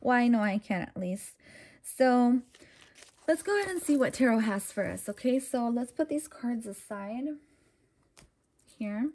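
Mellow-voiced woman giving a chatty tarot reading. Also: a little high, expressive, a little slow, pauses often. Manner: chatty, loose and reassuring, many fillers. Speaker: tarot reader. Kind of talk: casual tarot reading to camera.

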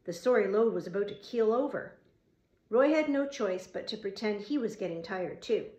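A woman narrating a novel as an audiobook, in a steady, measured storytelling manner. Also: mid-range voice. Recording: roomy echo.

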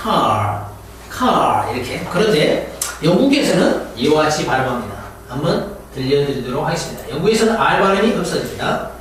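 Lively man teaching English pronunciation. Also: fairly high pitch, recorded from a distance. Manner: lively, repeats words slowly for students to copy. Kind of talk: classroom lecture with pronunciation drills. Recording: echoey room, voice from afar, faint hiss.

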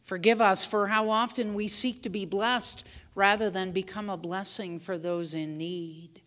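A woman pastor leading liturgical prayers in a slow, measured way, heard with a cathedral-like church echo. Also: medium pitch, steady tone, fairly bright tone. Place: church sanctuary. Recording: long church-hall reverb.

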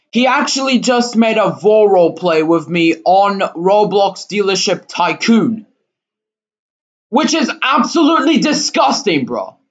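A man hosting his own channel, delivering an indignant, rambling rant full of fillers and halting restarts, with sudden outbursts. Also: high-pitched. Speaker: channel host. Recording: dull lo-fi recording.

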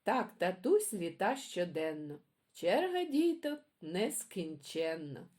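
Бібліотекарка виразно читає дитячі віршики та розповідає про авторку. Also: female voice, on the low side, slow pace. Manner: expressive, storytelling. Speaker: librarian. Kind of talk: reading children's poems aloud.

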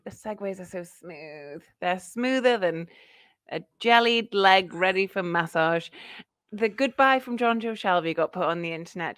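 A woman's voice: fairly low pitch, fairly bright tone, dry recording, studio quality. A woman co-hosting a fan podcast, chatting playfully, giggling and acting out quotes. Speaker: podcast co-host. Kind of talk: casual chat.

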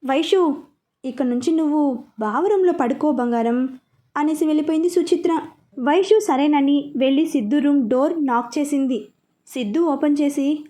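A woman tells a serialized story aloud, reading each character's lines without changing her voice much. Her voice sits high and has a warm, mellow tone. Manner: reads all characters' lines in her own voice. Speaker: narrator. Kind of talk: storybook narration with voiced dialogue.

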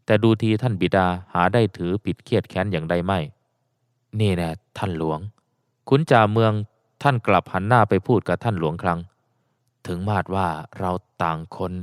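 Man reading an audiobook, lowish smooth voice, steady storyteller pace, close dry mic. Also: no room sound. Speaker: audiobook narrator. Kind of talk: scripted audiobook narration.

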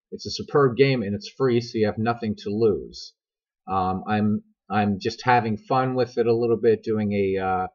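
A middle-aged man with a husky smoker's rasp, giving a casual, rambling game tutorial and talking directly to his viewers. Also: on the low side. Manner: conversational, digressive, addresses viewers directly. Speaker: video game tutorial host. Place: voice-over recorded over screen capture. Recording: dull, lo-fi microphone sound.

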